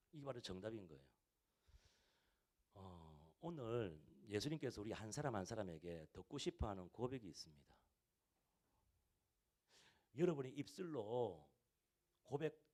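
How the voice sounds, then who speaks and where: A Korean-accented pastor preaches during a service in a church hall, his voice at an ordinary middle pitch. His earnest, insistent delivery leans on repeated phrases, swelling some lines loud and dropping others to a near hush.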